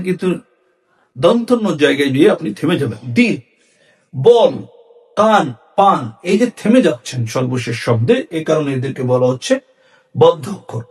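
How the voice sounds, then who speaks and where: A Bangladeshi Bengali-accented man teaching a lesson on syllables in a clear, measured way, with lively rises and falls in his voice. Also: sits high. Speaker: speech and debate instructor.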